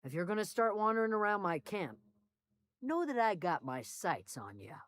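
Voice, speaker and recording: A woman's voice: medium pitch, very animated, normal speed, a bit bright, no room sound, clean studio sound. An actress playing a guarded, worried woman keeping watch over a camp in a video game, blunt and folksy in her phrasing. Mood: guarded, curt.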